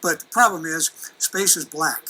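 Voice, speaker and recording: A man's voice: a little high, normal speed, pushed and bright, low-quality recording. An older man giving a folksy, conversational lecture as an aerospace engineer, presenting slides and video clips with many restarts.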